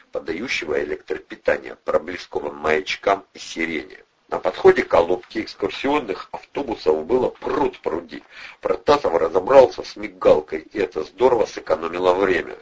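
A man narrating an audiobook, steady scripted storytelling. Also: deep voice, breathy edge, highs cut off.

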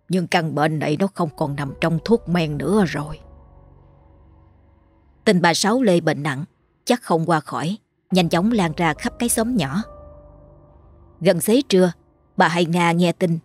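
A woman narrating a horror story in a measured, ominous storytelling voice. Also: fairly low pitch, a little mellow, breathy edge.

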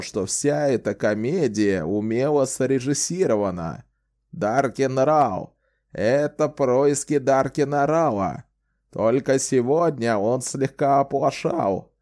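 A man voicing a sly, wry old male wizard who talks in a slow, theatrical, teasing way in an audiobook. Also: medium pitch, a little mellow, pitched above the performer's own voice. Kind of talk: audiobook character voice.

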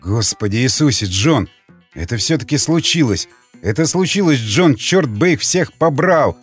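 A man voicing a shaken male co-pilot, low and strained. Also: expressive, moderate pace, breathy edge, soft background music. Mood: horrified.

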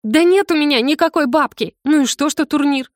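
A woman's voice: fairly quick, dry recording, studio quality, close to an everyday voice. A woman voicing a defiant young student girl. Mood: indignant. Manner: high, exclaiming, argumentative. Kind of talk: audiobook character voice.

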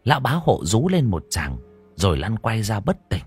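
A man's voice: on the low side, big pitch swings, moderate pace, darkish tone, husky, dry recording, soft background music. A man narrating a ghost story in a dramatic storytelling manner.

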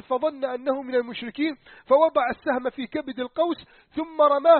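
Male preacher, rapid dramatic sermon storyteller, loud one moment and hushed the next, thin phone-line sound. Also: extremely high pitch, no echo. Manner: emphatic, swings between loud urgency and hushed tones. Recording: tinny phone-like dry recording.

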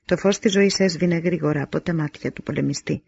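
A man reading a novel aloud in a measured, solemn first-person narration, on a dull lo-fi recording. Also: a little high, creaky, a little mellow, husky, no room sound. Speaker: audiobook narrator. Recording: dull lo-fi audio.

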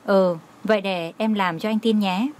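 A woman voicing an affectionate young woman who talks softly and coaxingly, often slowly. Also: medium pitch, steady tone, natural voice. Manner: soft, coaxing.

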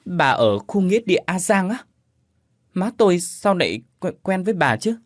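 A man's voice: sits high, very animated, normal speed, no echo, voice pushed up. A man voicing an anxious, grieving young son in a storybook ghost tale, pleading in agitated outbursts. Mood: distraught.

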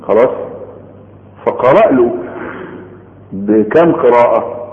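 A man's voice: medium pitch, expressive, takes it slowly. A man with an Egyptian Arabic accent lecturing on religious studies, explaining patiently, repeating his points and checking that listeners follow. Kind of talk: Egyptian colloquial lecture on Quran sciences. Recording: echoey hall on a tinny phone-like line.

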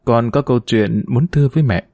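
A man reading the lines of a gentle, devoted young woman who speaks softly but is quick to protest. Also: medium pitch, no room sound, studio quality, close to an everyday voice. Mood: earnest. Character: gentle, devoted young former daughter-in-law.

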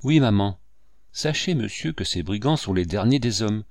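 A man's voice: lowish voice, lively intonation, normal speed, a little mellow, dry recording. A man reading aloud, voicing a prim, indignant young English woman.

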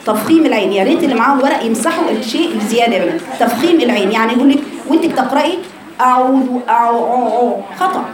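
A woman with an Egyptian accent teaching Quran recitation to a class of women, correcting mistakes and drilling sounds with repeated drawn-out syllables. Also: a little high, lively intonation. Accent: Egyptian Arabic. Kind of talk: tajweed lesson to a class. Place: room with a group of women students. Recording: echoey room with crowd chatter.

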